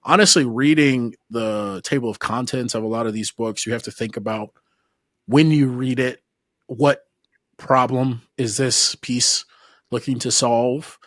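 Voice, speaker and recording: A man hosts a podcast in an easy, conversational way. He rambles a little and restarts his sentences as he thinks. His voice is mid-pitched and sits close and dry on the mic. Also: unhurried, a bit bright, no room sound. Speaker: podcast host. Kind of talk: casual interview chat.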